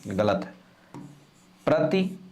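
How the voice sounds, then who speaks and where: A man teaching spelling for exams, repeating each word slowly and stressing key syllables, with frequent reminders to pay attention. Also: mid-range voice, vocal fry, slight background noise. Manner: animated, coaching tone with frequent reminders. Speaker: Hindi grammar teacher. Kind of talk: exam-prep spelling lesson.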